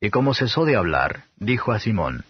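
A man giving a steady, measured Bible reading as an audiobook narrator, on a dull, slightly lo-fi recording. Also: lowish voice, husky, no room sound.

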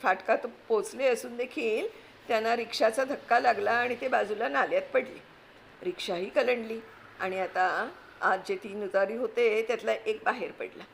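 A woman narrating a story aloud in a steady, expressive reading voice. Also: medium pitch, gravelly, slight background noise.

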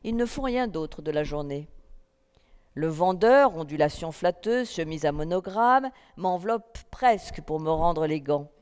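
A woman reading a literary text aloud at a festival, in a calm, measured first-person narration. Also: low-pitched, clear, resonant tone. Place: festival stage in a hall. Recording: long reverb of a hall.

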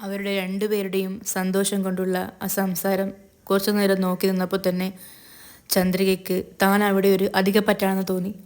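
A woman narrating a recap of a TV serial episode in a plain, steady storytelling manner. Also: mid-range voice, fairly quick, clean tone.

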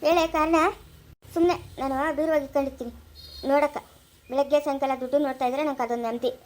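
Woman doing a bitter shouting village woman, rural chikkaballapura accent, high voice, talks fast. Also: fairly even intonation, natural voice. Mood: defiant. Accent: rural Chikkaballapura Kannada. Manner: shouting, scolding, cursing. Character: bitter, furious village woman in a family feud.

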